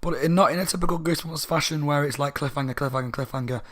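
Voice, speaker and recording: A man's voice: on the high side, rapid-fire, a bit bright. A man giving a casual, slightly drunk book review, rambling and correcting himself. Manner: rambling, tipsy, self-correcting.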